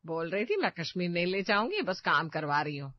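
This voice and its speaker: Lady putting on a loud scheming mother-in-law, high and bossy, dull lo-fi sound. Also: very animated, fairly quick, no room sound. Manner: loud, commanding, scolding.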